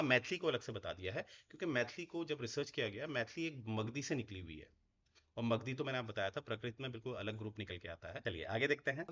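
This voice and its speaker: A man's voice: medium pitch, fairly bright tone. Man lecturing, slightly muffled audio. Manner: explains step by step, often asks "right?". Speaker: Hindi teacher. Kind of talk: classroom lecture.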